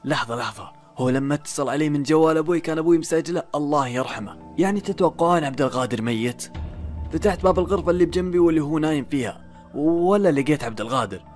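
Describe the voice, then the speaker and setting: Man, suspenseful horror storytelling, slightly high voice, dramatic pauses. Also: a little mellow. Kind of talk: first-person horror story narration. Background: faint background music.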